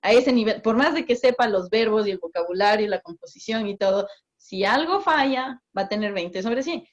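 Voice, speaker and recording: A woman on a video call, explaining in an animated way with examples and laughs. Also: medium pitch, normal speed. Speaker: guest, migration office worker in Australia. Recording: muffled video call audio.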